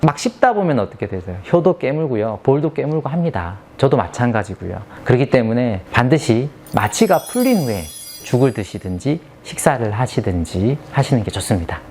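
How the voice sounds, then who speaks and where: A man's voice: medium pitch, very animated, fairly quick, a little mellow, soft background music. A man speaking as a dentist, explaining patient aftercare in an emphatic way and asking rhetorical questions.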